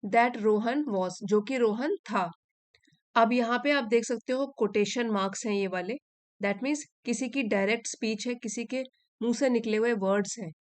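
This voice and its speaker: A woman with an Indian accent teaching English, reading a story line by line and explaining each word. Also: on the high side. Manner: reads English lines slowly, then explains each word. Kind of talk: bilingual reading lesson.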